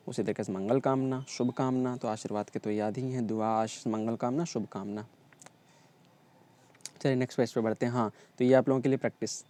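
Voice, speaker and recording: A man's voice: medium pitch, mellow. A man teaching an exam-prep lesson, drilling word lists and often checking in with his students. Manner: repetitive drilling, frequent "ठीक है" check-ins.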